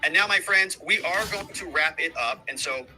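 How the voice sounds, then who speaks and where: Bright-voiced man hosting a livestream. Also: fairly high pitch, normal speed, faint music behind, poor audio. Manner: chatty, thanks viewers by name, many asides. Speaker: livestream host. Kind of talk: casual livestream chat with viewers.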